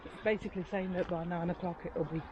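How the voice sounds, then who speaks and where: A woman co-hosts a casual vlog, answering briefly and matter-of-factly in relaxed chat. She is recorded outdoors. Loud background noise nearly buries her voice. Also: on the low side, quick pace, dull audio. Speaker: vlog co-host. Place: outdoors at a campsite and on walks.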